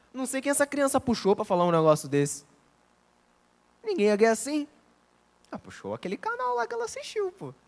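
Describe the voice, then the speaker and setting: Male teacher, Carioca accent, conversational lecture, very lively pitch. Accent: Rio de Janeiro Portuguese. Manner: conversational, acts out quoted dialogue. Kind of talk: lecture on parenting.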